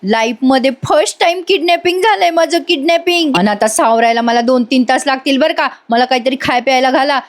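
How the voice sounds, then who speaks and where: A woman voicing a brash, talkative young village woman with a loud, cheeky manner. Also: sits high, fairly quick, few pauses, close to an everyday voice.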